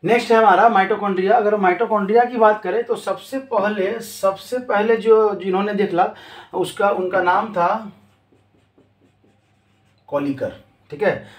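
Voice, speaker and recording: Echoey, high-voiced man teaching a class. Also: normal speed, long pauses. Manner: asks questions and answers them himself, repeats key terms. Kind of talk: classroom lecture. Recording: echoey room.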